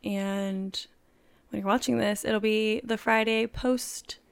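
A woman's voice: medium pitch, fairly even intonation, slow pace, gravelly, smooth. A young woman co-hosting a podcast in a laid-back, casual chat, swearing now and then and trailing off. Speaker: podcast co-host.

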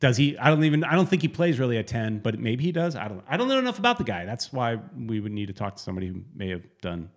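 A man co-hosting a casual sports podcast, rambling and correcting himself as he talks, with sudden animated bursts. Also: medium pitch, fast, hardly any pauses. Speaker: podcast co-host.

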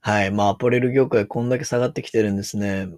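A man's voice: lowish voice, fairly even intonation, very fast, darkish tone, dry recording, studio quality. A man with a Kansai accent giving casual commentary on a news article, musing aloud and reading passages out as he goes. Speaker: solo commentator.

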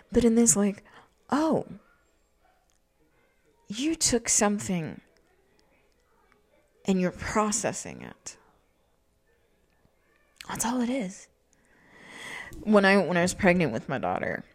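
A young adult woman talking in a rambling, casual monologue, full of fillers and restarts, acting out quoted lines. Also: darkish tone. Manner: meandering, many fillers and restarts; acts out quoted voices with jumps in pitch. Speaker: podcast host.

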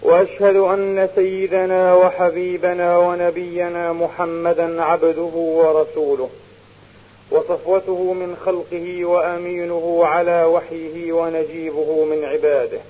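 A man with a high-pitched voice preaches in formal Standard Arabic. His delivery is solemn and measured, like formal religious oratory. The sound is dull and lo-fi, with long reverb from a large hall. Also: flat delivery. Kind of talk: Friday sermon in formal Standard Arabic with Quran quotation.

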